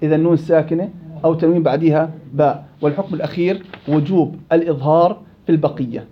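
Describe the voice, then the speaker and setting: A man teaching a classroom tajweed lesson, quizzing his students with quick questions. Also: fairly high pitch, steady tone, breathy edge. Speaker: Quran recitation teacher. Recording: dull lo-fi classroom recording.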